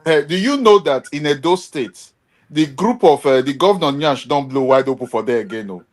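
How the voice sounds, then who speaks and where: Nigerian man gossiping on a stream, voice a bit high, pidgin-heavy. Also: lively intonation, normal speed. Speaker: livestream guest.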